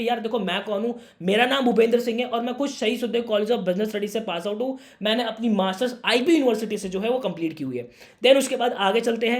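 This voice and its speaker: A young man talks straight to camera, giving students earnest career advice. His voice is a little hoarse from a sore throat. He keeps up a warm, brotherly tone and talks to the viewer as if to a younger sibling. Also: high-pitched. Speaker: career guidance YouTuber.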